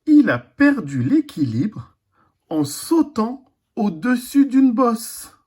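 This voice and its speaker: A primary school teacher giving a recorded reading lesson to young children, speaking slowly and deliberately, repeating each word. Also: mid-range voice, big pitch swings, a little mellow, breathy edge. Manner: slow, deliberate, repeats and stretches words.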